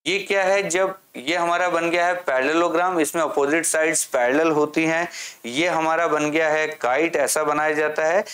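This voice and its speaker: A man's voice: fairly high pitch, fairly even intonation, a bit bright. Man teaching maths, asking and answering. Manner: asks questions and answers them himself, slow English read-outs. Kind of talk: classroom lesson explanation.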